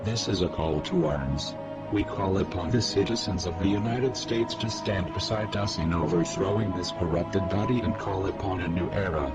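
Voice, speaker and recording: Deliver it as a masked man speaking through a voice-lowering disguise. Keep it slow and solemn, each line a measured declaration, over a music bed. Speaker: anonymous spokesman. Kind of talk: scripted manifesto statement.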